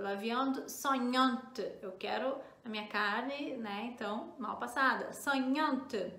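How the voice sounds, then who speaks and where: A woman with a Brazilian Portuguese accent teaching a language lesson, repeating words slowly and checking in with the viewer often. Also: high-pitched, bright, forceful tone, echoey room. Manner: slow, drawn-out repetition of words for practice; frequent tag questions to the viewer. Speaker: French teacher.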